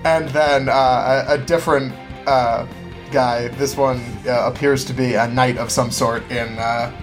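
A man running a tabletop game, narrating scenes in a loose, rambling way and stopping often to restart his sentences. His voice sits at a mid pitch, and soft music plays behind him. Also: steady tone, a little slow. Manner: rambling, many fillers and restarts. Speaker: game master.

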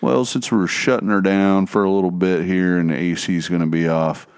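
A low, smooth-voiced airline pilot speaks to passengers in a flat, unhurried monotone, as a man puts him on. The drawl is full of "uh" pauses, just like a cabin announcement. The sound is dry and close to the mic. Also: no echo. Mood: deadpan. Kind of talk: casual podcast chat, impression.

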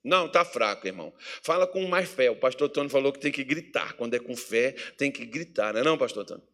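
A Brazilian man preaching a sermon with fervour, moving between loud calls to the congregation and quiet, close tones. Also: expressive, fast. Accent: Brazilian Portuguese. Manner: fervent, swings from loud exhortation to low intimate tones.

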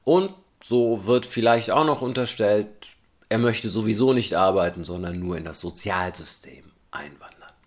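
A man's voice: fairly low pitch, normal speed. A man giving a reflective spoken essay in a thoughtful, questioning, argumentative way.

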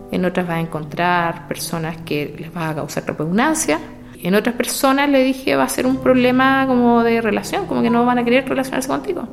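A middle-aged woman with a Chilean accent, telling a personal story with feeling and acting out whole conversations. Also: fairly high pitch. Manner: emotional, retells dialogue at length. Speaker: interviewee. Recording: clear music playing behind.

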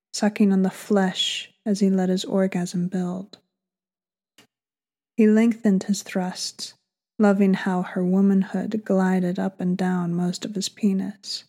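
Slow, gravelly-voiced woman reading sultrily. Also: mid-range voice, warm tone. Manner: slow, breathy, sultry reading that sometimes drops into a whisper. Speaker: author and co-host. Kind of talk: reading an erotic story aloud.

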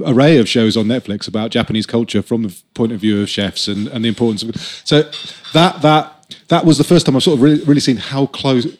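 Brisk, wry male podcast host. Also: mid-range voice. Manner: chatty, anecdotal, wry. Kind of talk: casual interview chat.

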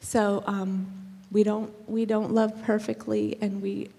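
Woman, gravelly mellow voice, gentle reflective panelist, long hall reverb. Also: medium pitch, little pitch movement, takes it slowly. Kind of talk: church panel talk.

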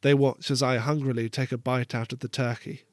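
A man reading a first-person story aloud with a measured, wry delivery. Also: medium pitch, little pitch movement, no echo, clean studio sound. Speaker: narrator.

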